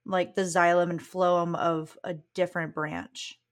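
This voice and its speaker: A woman's voice: lowish voice, level tone, a little slow. A woman co-hosting a casual chat, asking curious questions and making playful jokes. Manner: curious, jokey, asks questions. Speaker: podcast co-host.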